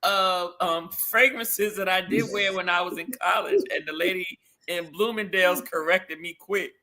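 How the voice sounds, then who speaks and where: A man co-hosting a relaxed podcast conversation, his voice bright and forceful. He talks emphatically, with a lively, animated delivery and frequent laughter. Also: high voice, moderate pace. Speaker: podcast co-host. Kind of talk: casual chat.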